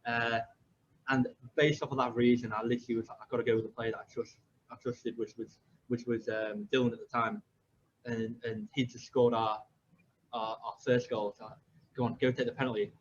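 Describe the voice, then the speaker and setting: A man's voice: medium pitch, level tone, normal speed, a little hiss or hum. Man in his 20s, coach hosting a chatty podcast; rambling storyteller, slightly muffled recording. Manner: rambling storyteller with many fillers and restarts. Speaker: football coach and podcast host. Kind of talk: casual podcast chat.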